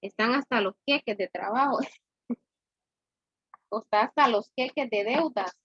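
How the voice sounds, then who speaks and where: A woman's voice: fairly high pitch, fairly bright tone, lo-fi sound, a little hiss or hum. Teacher woman, "¿verdad?" after each point. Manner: explains slowly, keeps asking "¿verdad?". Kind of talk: classroom lesson.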